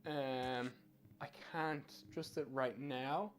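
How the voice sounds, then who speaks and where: A man's voice: mid-range voice, steady tone, slow. A man giving casual live game commentary as a streamer, chatty, informal and self-deprecating.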